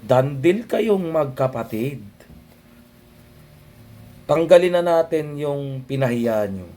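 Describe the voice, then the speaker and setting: A man's voice: on the high side, sing-song, takes it slowly, mellow. A young man ranting casually to his viewers in a blunt, sardonic way, swearing often and muttering asides under his breath. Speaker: vlogger.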